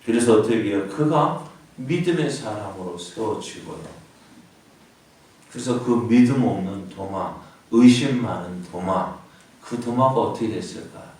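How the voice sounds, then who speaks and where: A man's voice: on the low side, expressive, measured pace, a little mellow, very echoey, far from the mic, low-quality recording. A man preaching a sermon as pastor, often asking the congregation questions and answering them himself. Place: church sanctuary.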